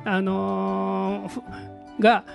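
Gravelly Kansai man, chatty and playful. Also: sits high, monotone, slow, soft background music. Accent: Kansai Japanese. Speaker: reading advisor guest. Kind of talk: radio talk show chat.

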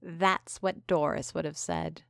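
A woman's voice: deep voice, fairly even intonation, a little slow, vocal fry, clear, resonant tone, no room sound, clean studio sound, heavily acted. A woman voicing a knowing, folksy small-town woman who talks in homespun phrases and knowing murmurs, in a storybook reading.

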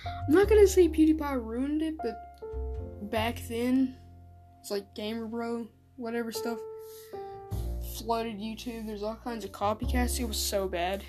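A woman's voice: on the high side, measured pace, over music. A woman talking casually and self-deprecatingly in a rambling solo podcast, recorded in a small home bathroom. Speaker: podcast host.

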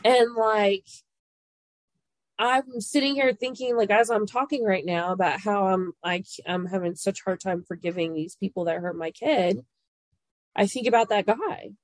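A woman's voice: medium pitch, normal speed, no echo. A woman co-hosting a podcast, a mother giving earnest, blunt advice in casual chat. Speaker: podcast co-host.

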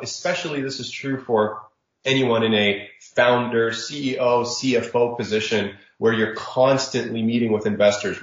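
A man who was born in Saudi Arabia, giving reflective, measured interview answers as a startup founder. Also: fairly low pitch. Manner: reflective, measured, sprinkles religious phrases. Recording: roomy, dull lo-fi audio.

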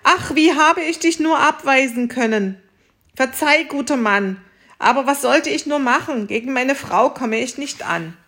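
A timid, easily frightened farmer bursts out in high, breathless exclamations of joy, as a woman reads him aloud. His voice jumps well above the storyteller's own and grows louder with every cry, as in a storybook tale. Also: very animated, normal speed, hardly any pauses. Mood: overjoyed.

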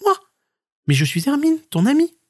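A man's voice: very high voice, sing-song, moderate pace, no echo, studio quality, voice pushed up. A man putting on a chirpy friendly young stoat. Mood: eager, friendly. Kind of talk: children's storybook reading.

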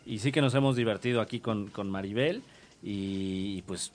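A man hosting a casual radio interview, relaxed and loose, with many fillers and trailing phrases. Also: lowish voice, normal speed, faint music behind. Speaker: radio show host.

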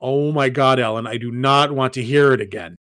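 A man's voice: medium pitch, fairly quick, a bit bright, dry recording, studio quality, natural voice. A man voicing an easygoing young library desk worker who talks casually. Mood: offhand.

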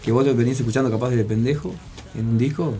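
A man's voice: mid-range voice, steady tone, fast talker, warm tone. A man, talking as a guest in a casual radio interview, rambling with many fillers and restarts. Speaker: guest musician.

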